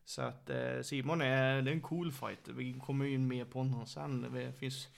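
A man's voice: medium pitch, vocal fry. A man who coaches MMA fighters, chatting casually on a podcast and telling stories by acting out what others said. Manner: animated storyteller, quoting others.

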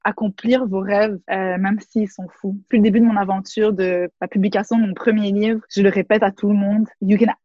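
A woman's voice: medium pitch, little pitch movement, fairly quick, few pauses, no echo, lo-fi sound. A woman speaking as a podcast guest and author, earnest and reflective, slipping into English phrases now and then. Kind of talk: casual conversational interview.

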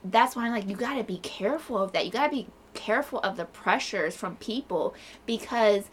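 A woman's voice: mid-range voice, fairly quick, a little hiss or hum. A young woman co-hosting a podcast, talking casually and telling stories with acted-out quotes. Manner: animated storytelling with frequent laughter and acted-out quotes. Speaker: podcast co-host. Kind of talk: casual chat.

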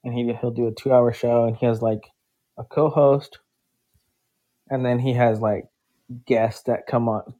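A man's voice: medium pitch, little pitch movement, measured pace, long pauses, dark tone, highs cut off. Rambling casual young-sounding man. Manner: rambling, filler-heavy, uses "like" a lot. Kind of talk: casual chat.

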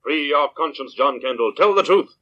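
The Shadow, sharp, filtered, ominous avenger. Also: male voice, fairly high pitch, animated, voice pushed up. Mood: accusing, stern. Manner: slow, ominous, commanding pronouncements. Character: the Shadow, stern unseen male avenger, menacing and all-knowing. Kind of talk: 1940s radio acting. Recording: dull lo-fi old radio recording.

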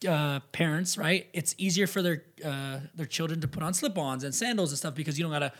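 A man's voice: on the high side, brisk, fairly bright tone. A young man co-hosting a casual chat in an emphatic, slangy frat-bro manner with some swearing. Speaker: podcast co-host.

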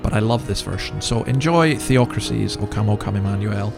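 Over background music, a man with a fairly low, gravelly voice hosts a podcast at a brisk pace. His commentary is casual and meandering, full of self-corrections.

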